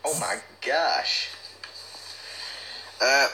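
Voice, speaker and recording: This livestream host is a young man with a medium-pitched voice that swings widely in pitch, sounding pushed and bright as he talks very slowly. He reads out comments in a silly, playful manner and now and then bursts into bits of song, over a little hiss or hum.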